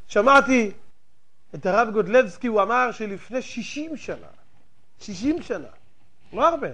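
A man, a rabbi giving a fiery moralizing sermon full of emphatic rhetorical questions, swinging between loud outbursts and hushed asides. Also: very high voice.

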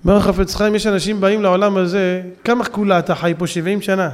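A high-pitched male preacher delivers a sermon in a long-reverb hall. He tells his story with emphatic swings, rising to loud peaks and then dropping back to speak directly to the congregation. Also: level tone. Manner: addresses audience as "gentlemen". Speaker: rabbi preacher. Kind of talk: Hebrew Torah sermon.

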